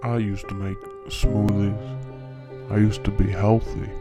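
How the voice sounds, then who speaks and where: Dude doing a sad flat yo-yo addict, dead monotone, music clearly behind. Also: male voice, on the low side, measured pace, pitched below the performer's own voice. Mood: deadpan. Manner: deadpan, monotone. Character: flat, glum yo-yo addict man in a spoof ad.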